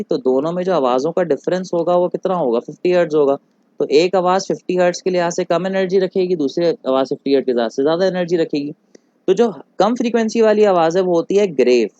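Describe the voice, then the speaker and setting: A man's voice: on the high side, a little mellow, no room sound. Man lecturing with self-answered questions. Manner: asks rhetorical questions and answers them himself; calls students "beta", slows on English terms. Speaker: physics teacher. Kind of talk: recorded classroom lecture. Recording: dull lo-fi, dry recording.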